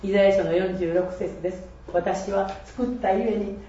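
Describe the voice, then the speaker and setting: A woman's voice: mid-range voice, fairly even intonation, normal speed, mellow. Woman in her 60s testifying in an echoey church. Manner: earnest, reflective, quotes scripture, laughs at herself. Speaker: church member giving testimony. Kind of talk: personal faith testimony. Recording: echoey and distant, dull with faint noise.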